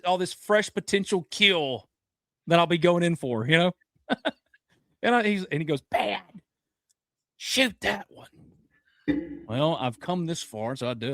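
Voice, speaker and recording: A man in his thirties tells stories as a podcast guest, his fairly high voice jumping loud and high at the punchlines. The sound is dry and close, with no room around it. He laughs often and talks in a loose, casual way. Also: normal speed, long pauses, no room sound. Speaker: podcast guest, sports commentator. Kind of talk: casual storytelling chat.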